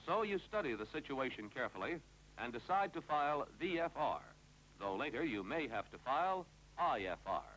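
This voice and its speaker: With a fairly high, bright and forceful voice, an American man briskly delivers clipped, authoritative narration for a 1950s instructional film. Each instruction rises and falls in lively intonation, and the rough old recording has faint noise and hum.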